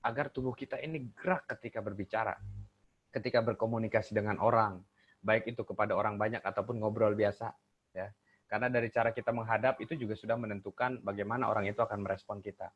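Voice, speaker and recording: A man's voice: fast, breathy edge. A man coaching on communication over a webinar, explaining points and animatedly acting out how tone and gesture change meaning. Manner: animated, swings pitch to illustrate intonation. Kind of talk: webinar teaching with spoken demonstrations. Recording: muffled lo-fi online call audio.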